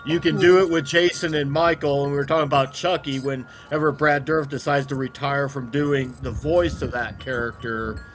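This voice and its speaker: A man hosting a casual group video call, talking in a relaxed, slightly hesitant way. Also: mid-range voice, moderate pace, a little hiss or hum. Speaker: podcast host. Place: at home.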